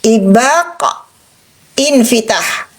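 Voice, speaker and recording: A woman's voice: on the high side, expressive, drawn-out words. A woman teaching Quran letter pronunciation in an online lesson, patiently repeating and drilling each sound.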